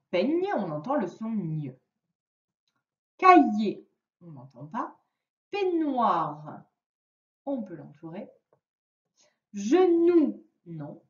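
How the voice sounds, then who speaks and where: A woman teaching a young child to read in a remote lesson, giving patient, clearly articulated instructions. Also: mid-range voice. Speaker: primary school teacher. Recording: roomy, distant, dull lo-fi sound.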